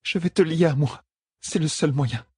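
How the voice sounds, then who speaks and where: A fierce, anguished young sorceress cries out in a raised, husky-edged voice, as a male narrator puts her on. The reading is dry and close, with no room around it. It sounds like an audiobook character voice. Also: moderate pace, warm tone, dry recording. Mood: tender. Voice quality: raised pitch, cries out urgently.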